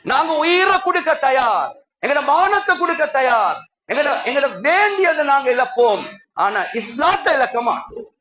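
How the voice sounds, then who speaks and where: A man's voice: very high voice, very animated, moderate pace, pushed and bright. A man preaching a live Friday sermon in a mosque with a Sri Lankan Tamil accent, impassioned and rhetorical, calling out to his congregation again and again. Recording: echoey hall with crowd.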